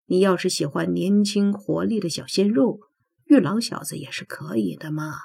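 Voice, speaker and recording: A woman's voice: on the low side, normal speed, gravelly, mellow, husky, exaggerated voice. A woman voicing a playful middle-aged male godfather who brags and teases in a coaxing way, in a storybook reading. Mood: teasing. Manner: joking, boastful, coaxing.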